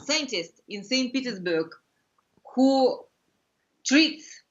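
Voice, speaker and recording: A middle-aged woman from Russia with a Russian accent, explaining things as an interview guest in halting, fragmented phrases, searching for words. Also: high-pitched, expressive. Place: furnished room indoors. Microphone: video call computer microphone. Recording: muffled lo-fi video-call audio.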